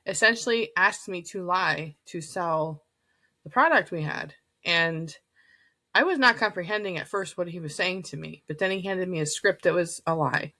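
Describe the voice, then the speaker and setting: A woman's voice: lowish voice, pushed and bright. A woman co-hosting a podcast in casual chat, telling her own story bluntly, her voice hollow and tinny as if she were inside a tin can because her mic is too far away. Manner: frank storyteller who quotes herself bluntly. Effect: tinny, hollow sound as if inside a tin can, mic too far away. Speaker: podcast co-host.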